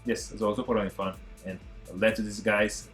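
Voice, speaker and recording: A man from Portugal in his thirties, a native Portuguese speaker, chatting excitedly to viewers as he reacts to an old film. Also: on the low side, a little fast, faint music behind. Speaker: movie reaction host. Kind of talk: casual reaction commentary.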